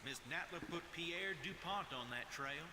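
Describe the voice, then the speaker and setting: A man's voice: a little high, normal speed, a crowd in the background, close to an everyday voice. A male actor playing a crude, cocky cowboy henchman in a video game, with a taunting Southern American drawl. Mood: taunting, menacing.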